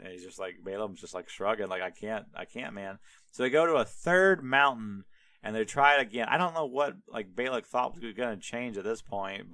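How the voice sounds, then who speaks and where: A man's voice: medium pitch, fairly bright tone, smooth, no echo. A man hosting a podcast, retelling a Bible story casually in a rambling, irreverent way full of fillers. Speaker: podcast host.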